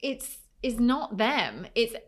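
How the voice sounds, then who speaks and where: A woman's voice: on the high side, sing-song, takes it slowly. A middle-aged woman co-hosting a podcast, telling stories in a casual chat and acting out the voices of people she quotes. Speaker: podcast co-host.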